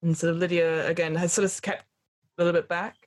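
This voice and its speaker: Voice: mid-range voice, flat delivery, fast talker. A game master running a tabletop role-playing game, giving casual instructions and narration to players.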